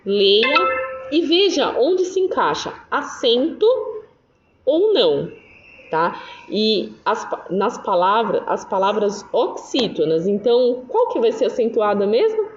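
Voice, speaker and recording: A woman's voice: fairly high pitch, big pitch swings, slow, slight background noise. A Brazilian woman teacher explaining exercises in a lesson, patient and checking in with her students often. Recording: dull roomy recording with faint ambience.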